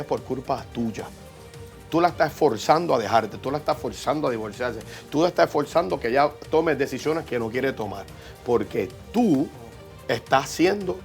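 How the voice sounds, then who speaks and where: A man with a Puerto Rican Spanish accent telling his personal testimony, earnest, acting out the voices of people he quotes and swinging between soft and loud. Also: mid-range voice, vocal fry.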